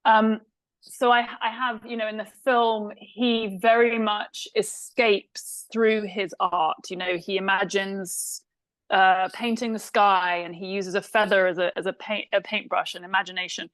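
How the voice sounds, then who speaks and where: A woman's voice: mid-range voice, flat delivery, unhurried, a bit bright, no room sound, rough recording. A woman from England with an English accent, a film director answering interview questions thoughtfully, with many fillers and restarts.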